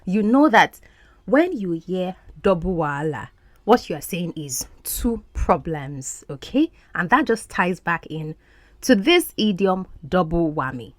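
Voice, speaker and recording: A woman's voice: fairly low pitch, no room sound. A woman explaining English words and idioms in a podcast lesson, checking in with "okay?". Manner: explains slowly, often asks "okay?". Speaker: English teacher.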